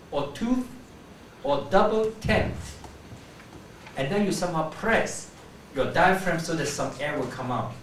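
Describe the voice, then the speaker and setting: A man teaching pronunciation, explaining each sound and slowly repeating example words to demonstrate it. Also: fairly high pitch. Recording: echoey room, voice from a distance, faint background hum.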